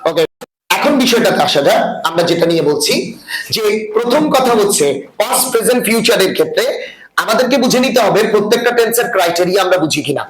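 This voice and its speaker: A man's voice: sits high, expressive, fast talker, a crowd in the background. A man teaching an English class, lecturing and often asking students whether they follow. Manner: asks the class frequent check-in questions. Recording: echoey room with class noise.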